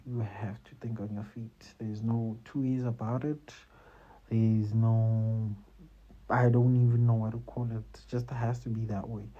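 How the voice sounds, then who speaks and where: A South African man hosts a casual career-advice talk, conversational and repetitive, often tagging his points with "you see" and "man." His voice is lowish and level, his pace unhurried, and the sound lo-fi.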